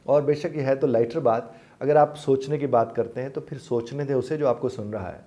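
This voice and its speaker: A man working as a life coach explains things patiently and politely, often addressing his listeners as sir. His voice sits mellow and warm at an ordinary middle pitch. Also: steady tone.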